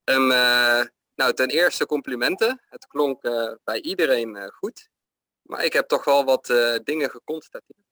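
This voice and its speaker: Slow, bright-voiced man on a call. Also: mid-range voice, no echo. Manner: hesitant, many fillers. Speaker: pronunciation coach. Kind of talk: casual phone chat.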